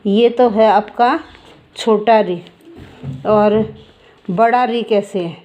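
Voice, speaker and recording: A woman's voice: mid-range voice, very slow, muffled recording. A woman teaching handwriting, walking through each stroke and repeating them patiently. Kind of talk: handwriting lesson.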